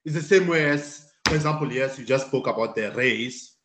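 A man's voice: mid-range voice, normal speed, noisy background. A man in a casual debate, pushing back with repeated questions and stammering restarts. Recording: roomy echo.

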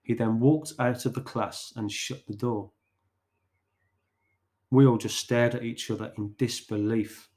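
A man hosts his podcast and tells a short story. His delivery is slow and deliberate, with pauses between phrases. His voice sits at a medium pitch. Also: steady tone, a little mellow.

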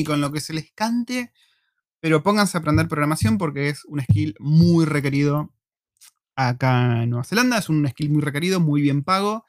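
A man's voice: fairly high pitch, no echo, clean studio sound. An Argentine man with an Argentine Spanish accent, hosting a live casual chat at home at a desk mic, joking and slangy. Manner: joking, slangy, animated storyteller. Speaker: host. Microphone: desk microphone.

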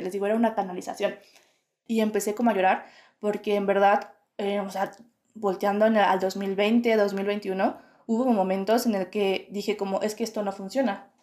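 Mujer mexicana reflexiva, voz con eco de habitación. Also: female voice, medium pitch, darkish tone. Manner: musing, many fillers like "o sea" and "como". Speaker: podcast host. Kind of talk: reflective spiritual monologue. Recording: roomy, echoey home room.

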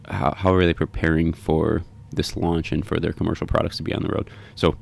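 A man hosting a podcast interview, talking in a halting way and often repeating words. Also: a bass voice, level tone, vocal fry. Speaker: podcast host.

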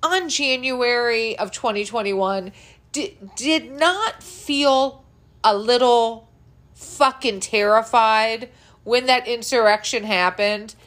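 A woman's voice: fairly high pitch, takes it slowly, fairly bright tone. Podcast host lady, super casual chat, laughs a lot, drops f-bombs. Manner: laughs easily, swears freely. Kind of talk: casual pop culture chat.

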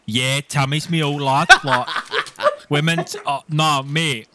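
A man's voice: on the low side, normal speed, heavy background noise, voice pushed down, close to an everyday voice. A man voicing a brash young male Liverpool lad in an exaggerated put-on Scouse accent, full of street slang. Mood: cocky banter.

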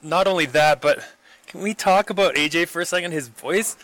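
A man co-hosting a casual podcast, voicing his complaints in a halting, exasperated way full of restarts. His voice sits a little high and sounds dry and close to the mic. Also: a bit bright, dry recording, poor audio. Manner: exasperated, halting, repeats himself. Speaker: podcast co-host. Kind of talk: casual chat.

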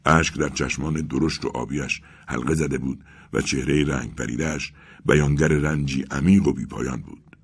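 A man narrating a literary story in a measured, grave, dramatic reading style. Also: a bass voice, vocal fry, breathy edge. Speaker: audiobook narrator.

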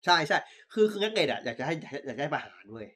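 A man in casual chat about a TV show, excitable and swearing often, acting out lines from scenes. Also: fairly high pitch, a little fast, breathy edge. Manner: excitable, swears a lot, acts out scene quotes. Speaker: podcast co-host. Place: voice chat call.

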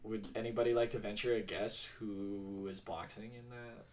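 A man chatting on a podcast as a guest, telling movie trivia with an animated, drawn-out delivery. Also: lowish voice. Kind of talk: casual movie chat.

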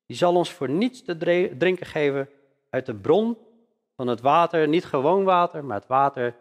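A male preacher delivers a sermon, pressing on key words with earnest emphasis. His voice sits a little high for a man. A long reverb trails each phrase, as in a large church hall. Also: animated, normal speed.

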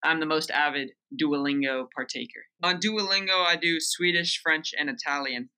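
Bright young man, earnest. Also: fairly high pitch, moderate pace, clean tone, low-quality recording. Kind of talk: casual family chat.

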